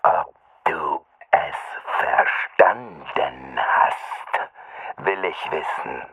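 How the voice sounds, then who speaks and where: A man voicing a menacing male attacker in a whispered role-play, with a slow, cold, hoarse whisper. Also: extremely low pitch, sharp tone, no echo, distant mic, pitched below the performer's own voice, full character voice. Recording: phone-like narrow band.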